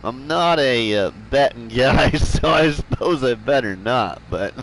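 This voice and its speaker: A man's voice: medium pitch, lively intonation, measured pace, gravelly, poor audio. A middle-aged man streaming a farming game live, chatting and joking with viewers and laughing often. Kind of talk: live gameplay chat with viewers.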